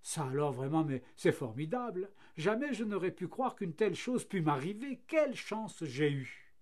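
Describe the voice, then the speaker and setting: A man's voice: high voice, sing-song, moderate pace, a little mellow. A man voicing a cheerful, self-satisfied flax plant that becomes linen and then paper, marvelling at its fortune. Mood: delighted.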